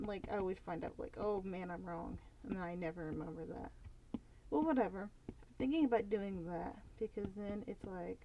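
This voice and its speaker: A young woman talks through her drawing on a live stream, rambling and thinking aloud with plenty of "like" and "um". Her voice sits at an ordinary middle pitch. The audio is a bit dull and lo-fi, with a faint hiss and soft clicks behind her. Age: young adult. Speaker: art streamer. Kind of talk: casual live-stream chat while drawing.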